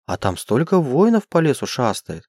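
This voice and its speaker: A man reading an audiobook, giving the quoted lines of a shy young wife in a soft, murmuring way. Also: medium pitch, big pitch swings, normal speed, breathy edge, no room sound, clean studio sound. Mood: quiet.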